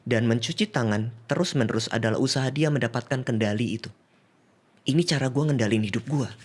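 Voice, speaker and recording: A man's voice: mid-range voice, a little fast. A man, a psychiatrist guest explaining cases with examples in a casual podcast chat, laughing easily and mixing in English.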